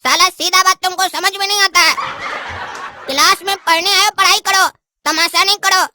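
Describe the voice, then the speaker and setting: A woman's voice: very high voice, fairly even intonation, normal speed, noisy background. Kala Kaddu, voiced by a woman, a blunt cartoon schoolboy. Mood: scolding. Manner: rough, scolding, insulting. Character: dark-skinned schoolboy Kala Kaddu, blunt and rough-tongued.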